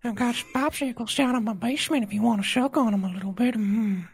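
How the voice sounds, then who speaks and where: A man doing a voice impression of a creepy, leering old man in a high, breathy falsetto. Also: heavily acted. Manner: leering, drawn-out invitation. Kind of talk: voice impression on a podcast.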